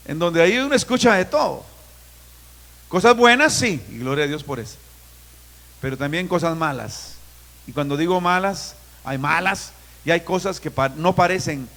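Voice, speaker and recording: A man in his fifties from Guatemala, a pastor preaching a sermon with emphatic, drawn-out phrases in a church. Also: on the high side, animated, a bit bright. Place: church sanctuary. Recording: long reverb of a church hall.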